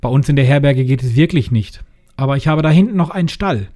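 A man playing a gentle, apologetic innkeeper. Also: medium pitch, fast, lightly acted. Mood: regretful. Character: kind, regretful innkeeper man. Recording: music behind the voice.

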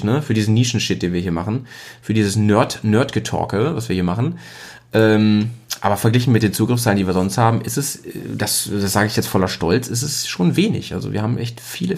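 A man's voice: lowish voice, gravelly. A man hosting a casual podcast, rambling with many fillers and self-mocking asides. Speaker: podcast host.

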